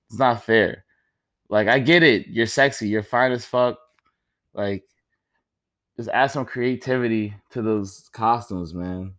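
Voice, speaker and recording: A young man hosting a podcast, doing a rambling, joking solo monologue full of swearing, his pitch jumping up when he gets excited. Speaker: podcast host. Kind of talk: casual comedic monologue.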